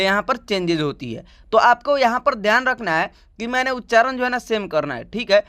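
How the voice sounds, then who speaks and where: Casting: male online tutor with a high-pitched voice, chatty and repetitive, reciting letters slowly. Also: fairly bright tone. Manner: chatty, keeps adding "right?" checks. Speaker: online English teacher. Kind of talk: YouTube lesson, reciting the alphabet.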